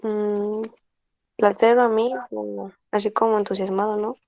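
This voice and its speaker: A woman's voice: medium pitch, little pitch movement, unhurried, vocal fry, a little mellow, dry recording, lo-fi sound. A woman student answering her teacher's questions in an online class, hesitant and unsure of herself.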